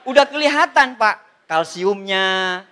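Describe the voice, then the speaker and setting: A man tells a humorous story on a seminar stage, playing out the other people's voices as he goes. His voice sits very high for a man. It is bright and forceful. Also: lively intonation, slow pace. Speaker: motivational speaker.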